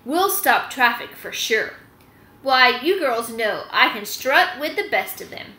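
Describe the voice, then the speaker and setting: A woman voicing vain, excitable, gossipy storybook hens with a gushing, preening manner. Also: on the high side, a little slow, reverberant, exaggerated voice. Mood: gushing, excited.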